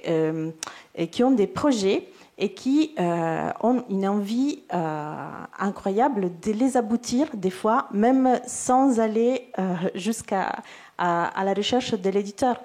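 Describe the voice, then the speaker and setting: Her mid-range voice is warm and animated yet slow-paced, carrying the Italian accent of a native Italian speaker in her thirties. She works as a literary agent for illustrators and answers hesitantly on a round-table panel, with lots of fillers and restarts.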